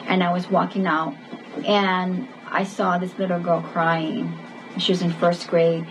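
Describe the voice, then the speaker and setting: Woman, parenting educator, mid-pitched, earnest storyteller who acts out dialogue, faint music underneath. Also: rough recording. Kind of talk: webinar lesson with personal stories.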